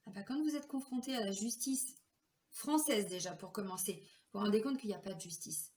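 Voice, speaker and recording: Talking fairly quickly, this woman, a vlogger and card reader, shares a personal story in a medium-pitched voice with a darkish tone. Her delivery is chatty and full of fillers, and she acts out what others said. The room sounds echoey.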